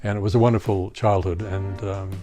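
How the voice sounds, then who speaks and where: A man's voice: low voice, little pitch movement, brisk, warm tone, soft background music. Reminiscing New Zealand man in his seventies. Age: 70s. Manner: fond, reminiscing with fillers. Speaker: interviewee. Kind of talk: documentary interview.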